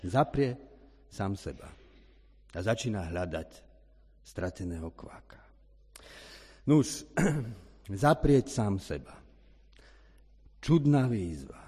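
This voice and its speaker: A man preaching in a church with a husky voice and a lively, animated intonation that rises and falls often. His words ring out in a long, reverberant hall. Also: lowish voice, pauses often. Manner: lively and animated, clears his throat now and then. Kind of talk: sermon with storybook reading.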